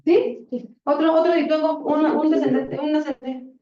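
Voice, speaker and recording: A woman's voice: sits high, fairly even intonation, normal speed, reverberant. A woman teaching a grammar lesson, asking students questions and encouraging them. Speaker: Spanish teacher. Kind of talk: classroom lesson. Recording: lo-fi classroom recording from a distance.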